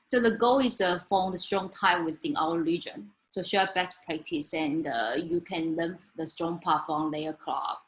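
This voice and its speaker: A woman from Taiwan, an English speaker, presenting slides in a webinar, halting with many fillers and restarts. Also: lowish voice, slight background noise, low-quality recording.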